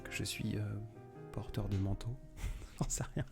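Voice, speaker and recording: Over music, a young poet runs a live stream, speaking at a measured pace in a lowish, creaky voice with fairly even intonation. He rambles and improvises, talking straight to viewers by name.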